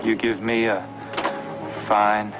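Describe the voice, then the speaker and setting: An actor playing a menacing male kidnapper who talks slowly and insinuatingly on the phone in a soap opera. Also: fairly low pitch, flat delivery, over music. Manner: slow, drawn-out, insinuating. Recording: noisy old TV soap recording.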